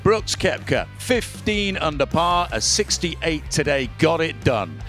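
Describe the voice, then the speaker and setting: A man doing dramatic, excitable play-by-play as lead golf commentator. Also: on the high side, slow. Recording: loud music and crowd behind. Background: music and crowd.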